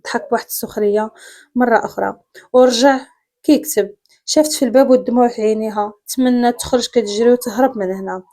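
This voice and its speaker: Moroccan woman narrating a story, higher voice. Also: a little mellow. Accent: Moroccan Arabic.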